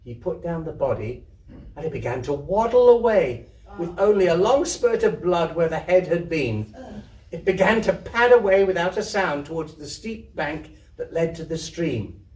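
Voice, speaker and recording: At an indoor community venue, a theatre troupe member gives an expressive literary reading to an audience, his delivery dramatic and descriptive. His voice is a little high and a little mellow, expressive, at normal speed. The recording sounds echoey, with the microphone placed far off.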